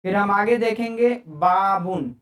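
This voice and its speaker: This high-pitched Arabic teacher takes his online grammar lesson at a slow pace, patiently explaining and repeating every term in more than one language. Because he's well away from the mic, the echoey room comes through strongly.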